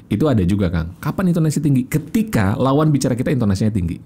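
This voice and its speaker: A man talks as a guest coach on a podcast, animated and expressive, acting out small examples as he explains. His voice is mellow and a little husky, with a lively pitch. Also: rapid-fire. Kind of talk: casual interview chat.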